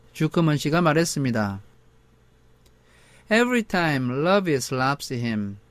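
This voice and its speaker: Male Korean English tutor, unhurried read-aloud, slightly high, lively voice, dry booth sound. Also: dry recording. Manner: very slow deliberate English reading, quicker Korean translation. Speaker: English reading teacher. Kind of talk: reading a novel aloud line by line, then translating.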